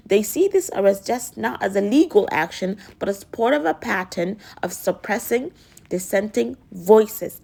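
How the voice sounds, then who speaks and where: A woman hosting a news commentary channel, reading out reactions in an earnest, emphatic way with a hoarse, raspy voice. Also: medium pitch, a little mellow. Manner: earnest, emphatic delivery with occasional slips and restarts. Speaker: host of an immigration news channel.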